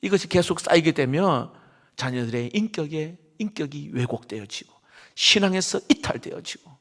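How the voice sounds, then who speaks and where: A middle-aged male pastor, preaching a sermon emphatically and swinging between loud stresses and hushed, half-whispered asides. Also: a little high, animated, moderate pace. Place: church sanctuary. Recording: reverberant church sanctuary.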